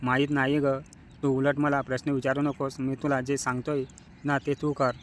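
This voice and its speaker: A man playing a troubled husband, hesitant and subdued, flat even tone, storybook. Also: medium pitch, normal speed, slight background noise, lightly acted. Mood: coaxing.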